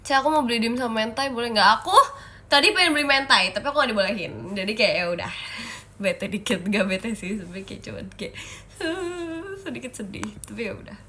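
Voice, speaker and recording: A woman's voice: on the high side, lively intonation, fairly quick, pushed and bright. A young woman hosting a casual livestream chat, playful and giggly, teasing her viewers while sick with a cough and a stuffy nose. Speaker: idol livestream host.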